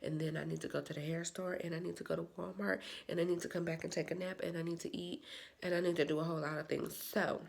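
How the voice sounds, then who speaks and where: Talking fast in a flat, gravelly, lowish voice, this soldier-vlogger rambles through a casual chat full of slang. She's congested from a cold, so everything comes out nasal and stuffy.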